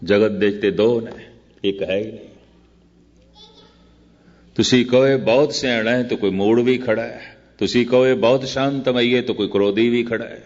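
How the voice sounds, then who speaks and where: An older man giving a Sikh scripture discourse, speaking in slow, measured, repeated contrasting phrases and drawing out quoted verses. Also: medium pitch, fairly even intonation, a little mellow. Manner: chants quoted verse very slowly. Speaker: Sikh preacher giving katha. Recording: muffled old recording with long hall reverb.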